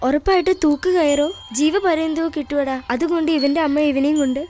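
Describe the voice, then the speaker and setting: A woman's voice: sits high, steady tone, brisk, darkish tone, soft background music, lightly acted. A woman dubbing a chatty, sassy six-year-old girl in a film, with a bossy, whiny manner. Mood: upset.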